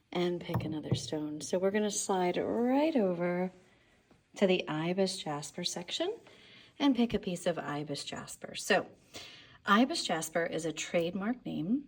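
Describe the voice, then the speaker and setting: A woman guides a casual showcase tour through her crystal shop, enthusiastic and chatty, at times sinking into a near whisper. Her voice is mellow and a little breathy. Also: on the low side. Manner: enthusiastic, drops to whispers now and then. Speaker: shop owner. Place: crystal and mineral shop, indoors.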